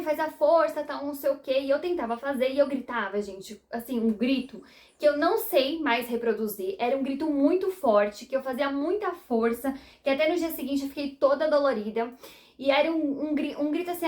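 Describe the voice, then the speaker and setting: A young Brazilian woman with a Brazilian Portuguese accent, telling her viewers a personal story in a chatty, animated way. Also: high voice. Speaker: vlogger.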